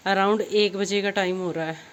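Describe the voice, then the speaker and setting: A middle-aged woman, chatting casually in a home vlog and telling stories with lively energy. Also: medium pitch, moderate pace. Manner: chatty storytelling, grows excited retelling events. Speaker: vlogger.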